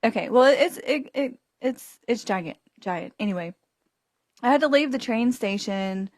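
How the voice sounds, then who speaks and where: This podcast host tells a travel mishap story, laughing often and acting out the dialogue in different voices. Her voice is on the high side and a little slow, recorded in studio quality with no room sound.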